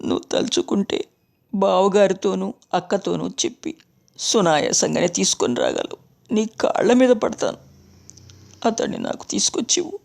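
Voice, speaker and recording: A tearful young wife begs with a trembling, rising voice, as a woman reader puts her on. Her pleas climb higher in pitch as she grows desperate and defiant. It is an audiobook storytelling voice. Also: wildly swooping pitch, moderate pace, gravelly, a little mellow, full character voice. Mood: pleading. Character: distraught young wife pleading for a boy.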